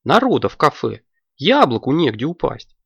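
Reader putting on a bossy, sensible young witch, raised voice, lively and firm. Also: medium pitch, moderate pace, gravelly, breathy edge, dry recording, pitched above the performer's own voice, full character voice. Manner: firm, lecturing. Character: sensible, rule-minding young girl wizard.

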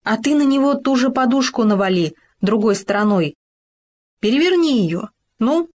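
A woman's voice: a little high, animated, normal speed, darkish tone, pitched above the performer's own voice. Woman playing a male gopher, storybook, loyal friend, cautious, proud, earnest.

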